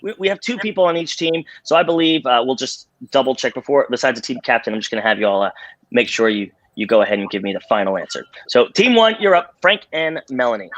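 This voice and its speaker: A man's voice: mid-range voice, expressive, fast talker, a bit bright, dry recording. A man hosting a live trivia game in an upbeat, showy cruise-director style of announcing. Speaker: game show host.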